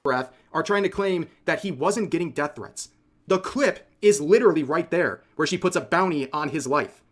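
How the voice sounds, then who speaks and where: A man's voice: fairly high pitch, normal speed. A man giving news-style opinion commentary in an emphatic way, repeating points for effect. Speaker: commentary video creator.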